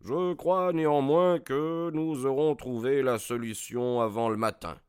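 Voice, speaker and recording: Sherlock Holmes, voiced by a male narrator, calm and sure. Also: medium pitch, unhurried, smooth, no room sound, studio quality, pitched above the performer's own voice, natural voice. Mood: assured. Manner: calm, assured.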